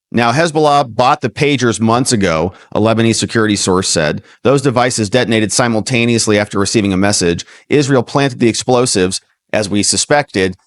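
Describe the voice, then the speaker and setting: An American man with a lowish voice hosts a news commentary show, recorded at studio quality with no room sound. He reads reports and breaks into casual, sarcastic asides, acting out imagined dialogue in a mocking, incredulous way.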